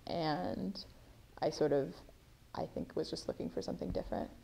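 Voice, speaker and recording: Low, gravelly-voiced young woman reflecting. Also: big pitch swings, moderate pace, mellow, slight background noise. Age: 20s. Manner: reflective, frequent ums. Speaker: college student interviewee. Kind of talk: documentary interview.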